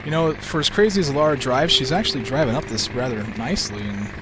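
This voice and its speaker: A game walkthrough commentator chats casually and in a relaxed way as he guides viewers through a video game, speaking quickly. His middle-pitched voice is soft and soothing, and he describes it that way himself. Game audio and other background noise are clearly heard behind him.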